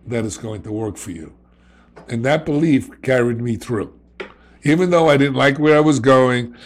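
A man's voice: mid-range voice, darkish tone. A middle-aged man with a New York accent, telling his recovery story in a blunt, streetwise way, often checking in with "okay?". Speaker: guest sharing recovery story. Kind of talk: candid conversational storytelling.

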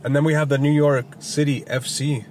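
A man's voice: fairly high pitch, flat delivery, fairly quick, darkish tone, slight background noise. A man co-hosting a casual sports chat, reading league results and standings, swearing often and slipping in Spanish phrases. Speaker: podcast co-host reading soccer results.

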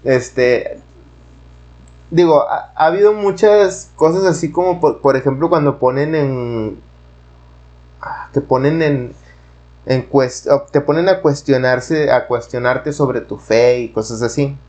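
A man's voice: medium pitch, slow, a little mellow. A man with a Mexican Spanish accent casually telling a story in a rambling, slang-heavy way full of fillers.

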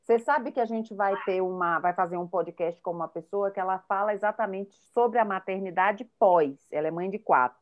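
A woman with a Brazilian Portuguese accent hosting a casual podcast, chatty and quick to agree and add her own comments. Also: medium pitch. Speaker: podcast host. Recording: slightly dull lo-fi podcast audio.

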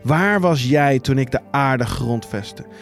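God in a spoken Bible retelling, vast and stern, asks question after question in a solemn, measured voice, as a man preaching puts him on. The pitch stays at an ordinary middle level. Faint music plays underneath. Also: lively intonation, creaky.

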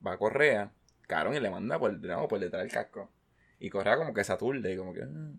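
Animated man telling stories. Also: lowish voice, fairly quick, vocal fry, slightly rough. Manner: animated storytelling, constant swearing, mimics players. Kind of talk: casual chat.

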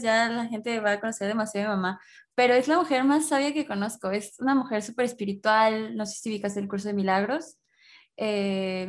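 A woman with a Mexican accent hosting a podcast, responding enthusiastically and chatting casually with her guest. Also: on the high side. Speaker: podcast host. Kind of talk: casual conversation.

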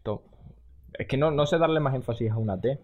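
A man's voice: medium pitch, brisk, narrow, tinny audio. A man in his twenties from Extremadura, co-hosting a podcast in casual, joking chat. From Extremadura, Spain. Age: 20s. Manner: joking, teasing, laughs often. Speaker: podcast co-host.

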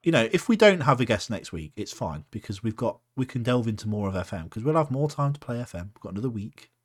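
A man's voice: medium pitch, sing-song, fast talker. A man co-hosting a podcast in casual banter, jokey, swearing freely and laughing often. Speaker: podcast co-host.

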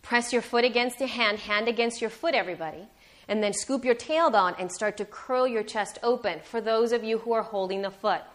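Careful, unhurried woman yoga instructor. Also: mid-range voice. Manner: careful, unhurried step-by-step guiding; encouraging. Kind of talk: live yoga class instruction.

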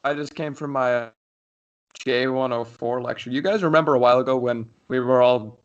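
A man's voice: mid-range voice, a little fast, highs cut off. A young man co-hosting a hockey podcast, talking in a rambling casual way with many restarts. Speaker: podcast co-host. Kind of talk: casual chat.

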